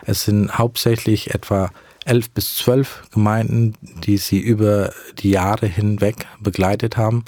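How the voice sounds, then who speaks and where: Speaking carefully and with many hesitations, a young native-English-speaking man describes his mission work in an interview, earnest and measured throughout. His voice is lowish and warm, recorded dry.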